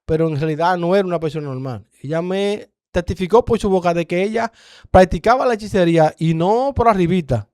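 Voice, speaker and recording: Dominican man, guest testimony, earnest storyteller, high voice, dry close sound. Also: fairly quick, a little mellow, no room sound. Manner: earnest storyteller, acts out dialogue. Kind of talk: personal testimony in conversation.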